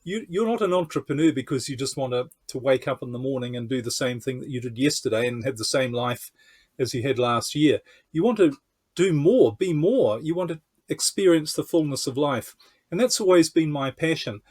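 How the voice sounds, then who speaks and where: This podcast guest, an entrepreneur coach from New Zealand, speaks conversationally in a New Zealand accent during his interview. His mid-range voice is husky and darkish, animated and a little fast.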